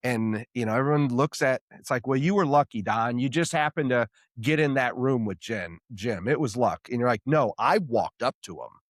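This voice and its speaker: A man's voice: mid-range voice, normal speed, few pauses, no echo, studio quality. A man hosting a podcast, telling a story in casual chat and acting out the voices in it. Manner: animated storyteller, acts out quoted voices. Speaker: podcast host.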